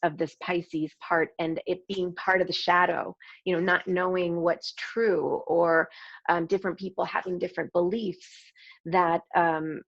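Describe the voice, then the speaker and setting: Gentle woman with a lowish, dull-toned voice. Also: flat delivery, a little slow, vocal fry, dry recording. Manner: gentle, hesitant, many ums and restarts. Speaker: energy healing teacher. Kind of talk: casual spoken introduction to a meditation. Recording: slightly dull, dry sound.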